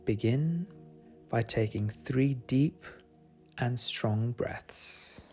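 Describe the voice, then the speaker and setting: A man with a mid-range voice narrates a guided meditation in a soothing, gentle, unhurried way. Soft meditation music plays in the background.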